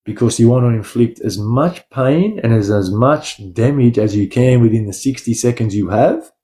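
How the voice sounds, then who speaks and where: A man's voice: medium pitch, dark tone. An Australian man chatting casually on a livestream in blunt street slang, rambling and repeating his phrases. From Sydney, Australia. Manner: slangy, blunt, often addressing listeners as bro or lad. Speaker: livestream host.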